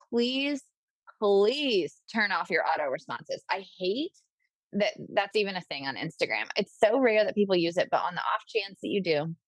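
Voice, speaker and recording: A woman speaks as a podcast guest, giving practical business advice in an upbeat, eager way. Her voice sits at an ordinary middle pitch. The sound is dry and close, with no room behind her. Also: no room sound. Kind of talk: casual interview talk.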